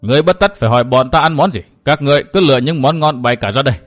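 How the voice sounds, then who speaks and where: A man voicing a stubborn, boastful old martial-arts master who talks loud and blunt. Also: mid-range voice, very fast, soft background music, natural voice. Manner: loud, gruff and brusque.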